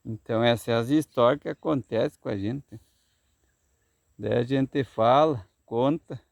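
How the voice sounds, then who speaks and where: A man's voice: medium pitch, unhurried, vocal fry, no echo. An older man with a Southern Brazilian gaúcho accent, a grandfather telling a tall tale in a folksy, earnest way, insisting it is true. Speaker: grandfather storyteller.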